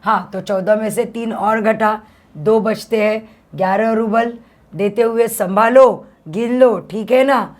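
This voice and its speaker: A woman's voice: a little high, steady tone. A woman teacher voicing a stern, stingy male master of a household, lecturing as she reads a story aloud to her class. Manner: lecturing, drawn-out reckoning of money.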